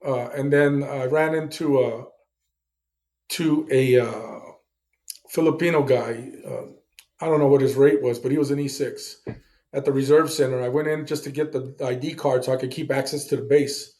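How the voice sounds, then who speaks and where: The Navy veteran, a middle-aged guest, narrates his time in service at a moderate pace with fairly even intonation, casually and bluntly, swearing and voicing other people's lines. He has a mid-range, slightly mellow voice.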